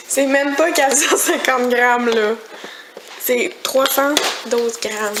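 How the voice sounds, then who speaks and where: A woman's voice: fairly high pitch, very slow, background noise. A young woman with a Quebec French accent chatting casually in a home vlog, rambling and complaining with disgust. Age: young adult. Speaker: vlogger.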